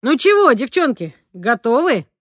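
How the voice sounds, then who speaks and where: Woman reading as a brisk, bossy dad. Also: high voice, very animated, dry recording, clean studio sound, voice pushed up. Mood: teasing. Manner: commanding, brisk. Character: brisk father taking charge. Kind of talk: audiobook character reading.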